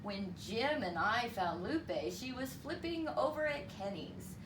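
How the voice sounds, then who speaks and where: A woman reads a children's story aloud with great expression, slowly and deliberately, like a teacher, weaving in a counting lesson. Her voice is a little high and animated, and the roomy recording comes from a distant mic with clear background noise.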